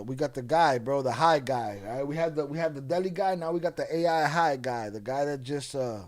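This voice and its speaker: A man hosting a livestream, chatting casually in a profane, rambling way. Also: medium pitch. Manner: profane, rambling, thinks aloud. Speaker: livestream host.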